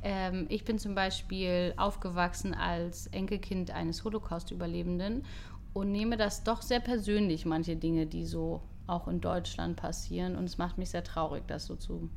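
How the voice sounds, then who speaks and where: A woman in her thirties from Germany, co-hosting a casual podcast chat in a lively, earnest way. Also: on the low side, moderate pace, vocal fry, slight background noise. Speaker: podcast co-host.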